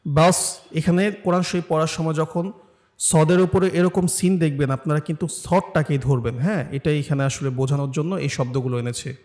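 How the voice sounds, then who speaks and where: A man's voice: fairly high pitch, steady tone, normal speed, darkish tone. A man from Bangladesh teaching Quran recitation, patiently correcting students and having them repeat. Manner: patient, corrective, prompting repetition. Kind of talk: classroom lesson with live student drills.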